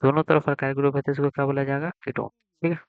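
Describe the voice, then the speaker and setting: A man's voice: mid-range voice, level tone, fast, vocal fry, clear, resonant tone, no room sound. Man teaching chemistry, quizzing his students. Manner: repeats questions and prompts students to answer. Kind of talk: board exam lesson. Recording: dry, dull lo-fi sound.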